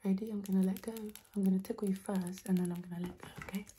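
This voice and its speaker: Soft-spoken ASMR woman with tingly mouth-sound delivery, crinkly noise. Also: fairly even intonation, rapid-fire. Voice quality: soft-spoken, breathy soft voice, often slipping into soft low speech. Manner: playful, coaxing, rambling instructions to the listener. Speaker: ASMR performer. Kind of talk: ASMR role-play, ASMR personal attention.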